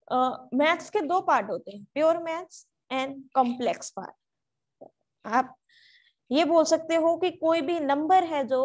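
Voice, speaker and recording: Slow-spoken, high-voiced woman maths teacher. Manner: slow, explanatory, mixing Hindi and English. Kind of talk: online class lecture.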